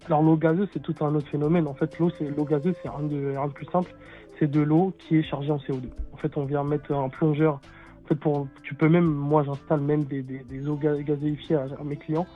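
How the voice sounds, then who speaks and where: High-pitched man explaining haltingly, lo-fi sound. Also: little pitch movement, faint music behind. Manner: halting, repetitive, informal. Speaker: caller, water technician. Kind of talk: casual explanation.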